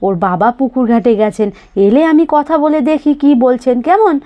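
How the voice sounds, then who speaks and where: A woman's voice: high-pitched, expressive, moderate pace, dull audio. A woman voicing a polite, curious young homemaker in a doll cartoon.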